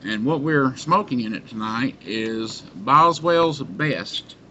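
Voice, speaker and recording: Talking casually to the camera, a middle-aged man reviews pipe tobacco in a small dim room, his delivery halting and slow with frequent long pauses. His medium-pitched voice is animated, pushed and bright. The arm's-length webcam or computer mic sounds muffled, with background noise.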